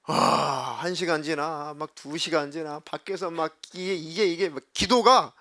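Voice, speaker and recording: A middle-aged male pastor delivers a youth sermon a little slowly in a voice on the high side. Animated, he tells a story, acts out its characters' voices, and playfully scolds his listeners, captured in clean studio sound with no echo.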